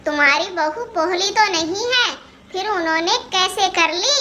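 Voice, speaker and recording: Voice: very high voice, measured pace. A performer voicing a cranky old mother-in-law in a cartoon comedy, scolding and calling names. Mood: complaining. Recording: loud background noise.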